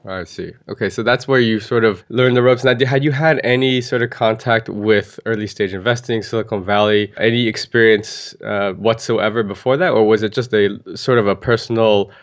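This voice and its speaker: A man's voice: fairly low pitch, fairly even intonation, normal speed, hardly any pauses. A man hosting a business interview podcast, reading a polished intro and then asking questions with frequent restarts and fillers. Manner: hesitant, restarts words when ad-libbing. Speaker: podcast host.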